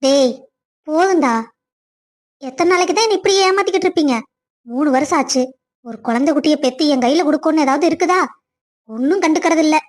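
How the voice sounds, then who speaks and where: A woman's voice: high-pitched, a little fast, long pauses, close to an everyday voice. A woman voicing a scolding, middle-aged mother-in-law in a cartoon family drama, with a Kongu Tamil accent. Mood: complaining. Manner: scolding, complaining.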